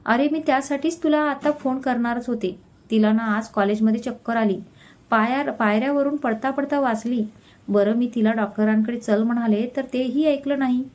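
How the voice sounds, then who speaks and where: A woman voicing a chatty young woman who fusses over her friend with a lively, scolding manner. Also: on the high side, moderate pace, lightly acted.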